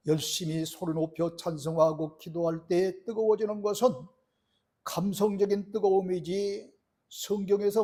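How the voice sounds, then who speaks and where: Middle-aged male pastor, earnest sermon delivery, high husky voice. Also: warm tone. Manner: earnest preaching with rhetorical questions to the congregation.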